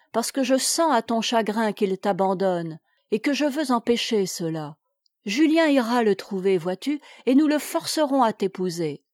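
A woman voicing a gentle young mistress of the house who speaks softly and soothingly in a read-aloud novel. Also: fairly high pitch, no room sound, studio quality. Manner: soft, hushed and soothing.

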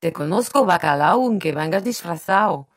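A woman voicing a furious shouting young man. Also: on the low side, animated, normal speed, no room sound, studio quality, lightly acted. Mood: mocking. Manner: shouting, sneering, vulgar insults. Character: furious young man, hot-tempered brother.

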